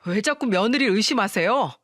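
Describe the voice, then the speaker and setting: A frustrated husband, as a woman narrator puts him on pushes back firmly against his mother, his voice pitched a little lower and louder than the narration. The sound is close and dry. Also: expressive, brisk, dry recording. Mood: exasperated. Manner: firm, pleading. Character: exasperated husband defending his wife.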